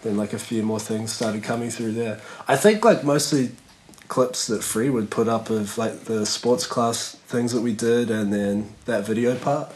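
A man's voice: on the low side, a little slow, darkish tone, a little hiss or hum, low-quality recording. A man, a skateboarder chatting as a podcast guest in a laid-back, rambling way full of fillers. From New Zealand. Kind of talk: casual podcast chat.

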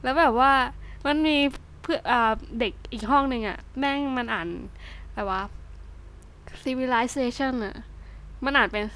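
A young woman with a Thai accent, giving a casual spoken English lesson, chatty, swearing now and then, reading out word lists slowly. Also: on the high side, a bit bright. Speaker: English tutor.

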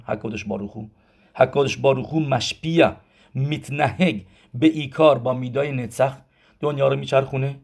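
Here a man with a husky, medium-pitched voice and vocal fry teaches as a rabbi in a Persian Torah lesson. He explains methodically, works out gematria aloud, and answers the questions he puts to himself.

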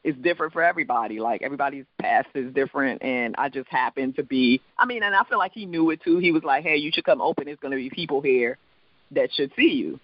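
A male comedian and show producer from the Virgin Islands, with an accent mixing island, Midwestern and New York sounds, chats loosely in an interview, rambling, laughing and swearing casually. His medium-pitched voice is fast, and the recording is dry and muffled.

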